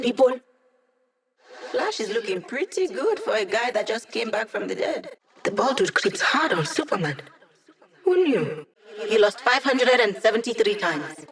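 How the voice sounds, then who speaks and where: A woman voicing a quick, cheeky young hacker in a video game, with playful, breezy, teasing banter. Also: medium pitch, natural voice. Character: quick, cheeky young female hacker, digital helper to a villain squad. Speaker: video game character giving mission support. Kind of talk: scripted video game voice lines.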